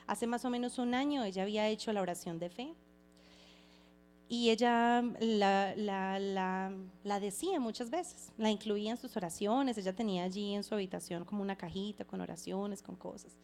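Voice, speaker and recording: A woman's voice: medium pitch, darkish tone, slight background noise. Earnest woman sharing a faith testimony. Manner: reflective and halting, with frequent restarts; earnest and heartfelt. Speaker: person giving a testimony.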